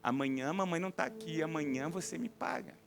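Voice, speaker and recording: A man voicing a stern older sister who quietly threatens her little brother, in a low muttered tone. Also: fairly even intonation, moderate pace, natural voice. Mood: menacing.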